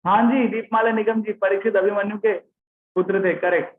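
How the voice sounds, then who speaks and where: A man narrating a devotional story in a live sermon, lively and often checking in with his listeners. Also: sits high, a little fast. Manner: lively, checks in with listeners, reads out chat names. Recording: tinny phone-like sound.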